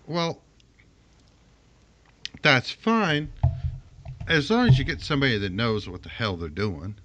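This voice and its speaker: A man co-hosting a casual podcast chat, rambling with halting restarts. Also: mid-range voice, huge pitch swings, background noise. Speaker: podcast co-host.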